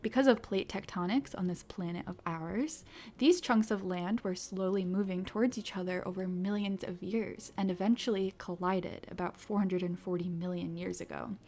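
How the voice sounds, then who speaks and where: A woman hosting a geology video, giving clear, upbeat scripted science narration. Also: medium pitch, fairly even intonation, normal speed, a little mellow. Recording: background music under voice-over. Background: background music.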